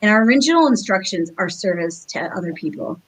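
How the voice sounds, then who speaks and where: A woman's voice: mid-range voice, expressive, fast, poor audio. A woman hosting a community chat over a video call, talking in a rambling way with many fillers. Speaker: community organization host.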